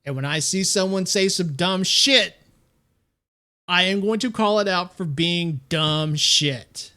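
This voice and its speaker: A man's voice: high-pitched, slow, bright, forceful tone. A man streaming his commentary, talking bluntly and opinionatedly about another creator. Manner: blunt and opinionated, stresses words. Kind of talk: casual commentary.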